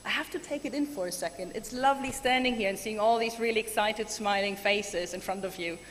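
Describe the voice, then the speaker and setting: A woman from Germany delivers a keynote in a large conference hall, her medium-pitched voice brisk. She is chatty and enthusiastic, with plenty of ums, and the recording has hall reverb and faint room noise.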